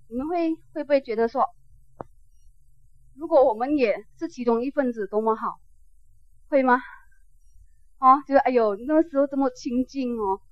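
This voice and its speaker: A woman's voice: sits high, dry recording. A woman teaching a class on Buddhism. She talks conversationally, with many filler sounds, and keeps checking whether her listeners understand. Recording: dull, dry lo-fi recording.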